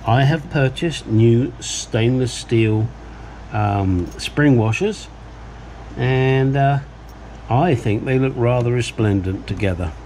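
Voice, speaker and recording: Unhurried middle-aged Englishman, blunt and joking. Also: mid-range voice, darkish tone, poor audio. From England. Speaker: host of a garage how-to channel. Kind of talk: casual hands-on demonstration. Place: small cluttered garage workshop, indoors. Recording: clear ambient workshop noise.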